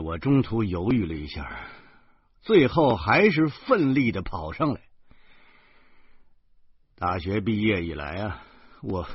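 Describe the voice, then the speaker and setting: A man reading a first-person novel aloud, animated and slow. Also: low-pitched, breathy edge, no room sound. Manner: animated storyteller, slow and drawn out. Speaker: audiobook narrator. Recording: dull dry lo-fi recording.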